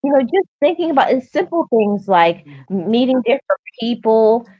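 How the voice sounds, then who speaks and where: A middle-aged woman co-hosting a casual chat, explaining her thoughts in a reflective, halting way. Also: a little high, big pitch swings. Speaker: co-host of a chat show. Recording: slightly dull, lo-fi audio.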